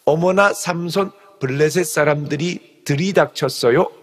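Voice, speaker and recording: A man's voice: a little high, moderate pace, slightly rough, in a large hall. A man voicing a coy, scheming young woman who pleads and whines in a raised voice. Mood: coy alarm.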